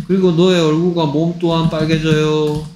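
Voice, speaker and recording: A man's voice: fairly high pitch, level tone, moderate pace. A man tutoring English one-on-one, stern and drilling sentences line by line. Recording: echoey room with loud music.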